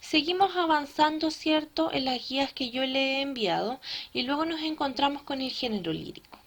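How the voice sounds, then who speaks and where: A woman's voice: high-pitched, lively intonation, normal speed, fairly bright tone. A woman teacher explaining a lesson step by step and checking understanding with frequent tag questions. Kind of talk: recorded classroom lesson.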